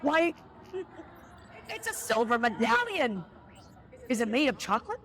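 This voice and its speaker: A woman's voice: a little high, sing-song, a little slow, a bit bright. A woman playing a peppy, wisecracking school lunch lady heroine in a hammy comic skit, full of exclamations. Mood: dry, puzzled. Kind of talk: live comic audiobook-style skit.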